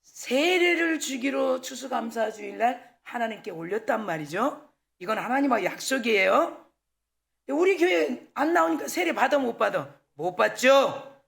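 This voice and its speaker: A woman pastor preaching a sermon at a church service, telling candid personal stories in a lively way and acting out the dialogue. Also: a little high, normal speed, creaky. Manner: candid, animated storytelling with acted-out dialogue.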